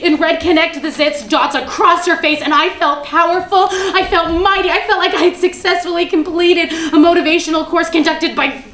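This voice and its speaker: A high-pitched woman performs a dramatic monologue at an indoor staged reading as a bitter, manic character confessing her war against a Barbie doll. She's sardonic, theatrical, emphatic and repetitive, moving between hushed tones and ranting, in an echoey recording with hiss behind it.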